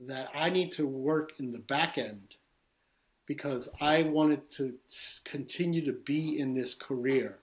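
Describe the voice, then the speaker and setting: A man's voice: on the high side, measured pace. A man with a New York street accent, a guest artist talking in a casual podcast interview, rambling and swearing as he tells stories. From East New York, Brooklyn. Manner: profane, rambling, animated storytelling.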